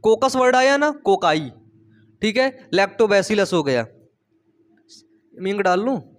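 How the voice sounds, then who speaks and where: Animated, high-voiced male biology teacher. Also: a little slow. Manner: playful, asks students questions and repeats key terms. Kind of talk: storytelling classroom lecture.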